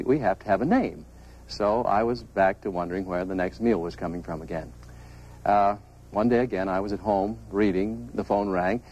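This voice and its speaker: Husky-voiced middle-aged man telling stories. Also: fairly low pitch, a little mellow, poor audio. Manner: chatty, self-deprecating, with small stumbles. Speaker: actor telling his career story. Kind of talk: anecdotal interview monologue.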